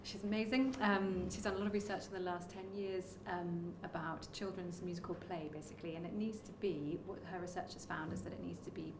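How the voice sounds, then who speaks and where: A woman's voice: lowish voice, fairly even intonation, fairly quick, few pauses, echoey room, noisy background. A woman, an early years music educator, talking chattily and enthusiastically at a workshop. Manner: chatty, enthusiastic, self-deprecating asides. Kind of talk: workshop presentation. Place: workshop room.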